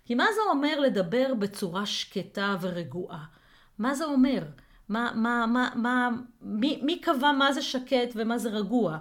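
Woman co-host, higher register, thoughtful conversational delivery with frequent hesitations. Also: lively intonation. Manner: reflective, explains with examples, many hesitations. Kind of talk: casual podcast discussion.

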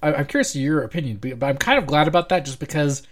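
A man hosting a casual podcast discussion, chatty and animated, laughing often. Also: a little high, very fast. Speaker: podcast host.

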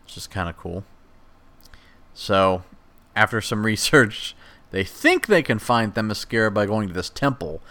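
A man's voice: on the low side, lively intonation, unhurried, pauses often, bright, forceful tone. A man hosting a podcast, casually recapping a movie plot in a rambling, chatty way and voicing the characters' lines as he goes. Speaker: podcast host.

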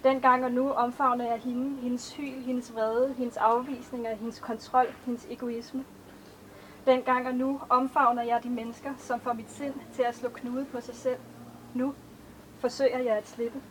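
High-voiced woman reading her poems aloud. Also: flat delivery, a little hiss or hum, low-quality recording. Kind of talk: poetry reading at a live event. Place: outdoor festival stage.

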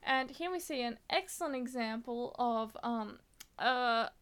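A woman's voice: fairly high pitch, a little slow, fairly bright tone, smooth. A woman co-hosting a casual podcast, reading out body-language facts with frequent laughs and fillers. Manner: giggly, reads facts with many fillers. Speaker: podcast co-host.

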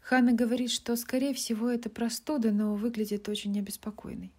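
An earnest, caring older sister speaks in a slightly raised voice, practical and a little anxious, as a woman narrator puts her on. It is a gentle storybook voice. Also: on the high side, steady tone, fairly quick, breathy edge, voice pushed up.

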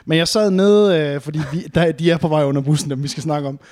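A man's voice: a little high, darkish tone, no echo, studio quality. A young man hosting a podcast, boisterous and crude in his joking, laughing often. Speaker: podcast host. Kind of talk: casual podcast banter.

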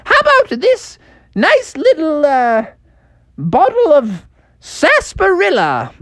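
Woman putting on a squeaky old gold miner. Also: huge pitch swings, slow pace, dry recording, clean studio sound, full character voice. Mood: folksy. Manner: squeaky, crotchety old-timer drawl. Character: cranky old male gold miner shopkeeper.

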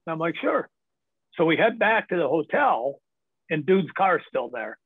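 A man's voice: fairly high pitch, big pitch swings, normal speed, slightly rough, no room sound. A man, a podcast guest, telling candid stories from his past in casual talk, laughing often and filling with ums. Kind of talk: casual storytelling. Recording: tinny phone-like line, dry.

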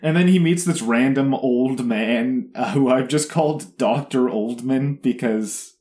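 A man's voice: mid-range voice, a little mellow. A man co-hosting a casual recap chat, sarcastic and rambling, mocking the scenes he describes. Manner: sarcastic, rambling, mocks scenes with quick put-on voices. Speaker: podcast co-host.

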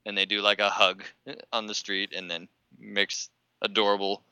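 A man with a lowish voice and a very bright, crisp tone riffs with a co-host in a casual movie talk, making jokes and laughing often. His voice is smooth and close, with a dry sound. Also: flat delivery, normal speed, dry recording, rough recording. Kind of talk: casual chat.

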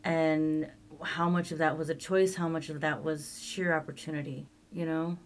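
A woman's voice: low-pitched, little pitch movement, normal speed, a little hiss or hum. A woman co-hosting a casual podcast, chatting about a movie and acting out lines from it. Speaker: podcast co-host. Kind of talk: casual chat.

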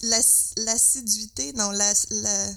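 A young woman with a Québécois accent chats casually as a podcast co-host. Her voice is bright and forward. She rambles, fills gaps, and drops in English words, at a middle pitch. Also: steady tone, takes it slowly, vocal fry. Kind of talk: casual chat.

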